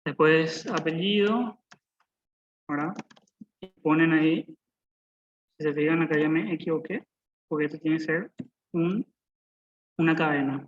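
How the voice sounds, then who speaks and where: A young man in his twenties teaches a live online programming class over a video call, sounding lo-fi. His voice is a little high and unhurried, with frequent pauses. He's patient, repeats his points, and keeps checking in with his students with "¿verdad?".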